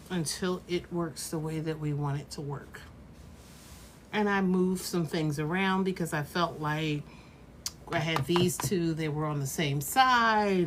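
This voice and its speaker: This quilting instructor has a low-sitting voice and teaches in a casual live tutorial, chatting, reassuring viewers, and thinking aloud while she works. A little hiss or hum can be heard.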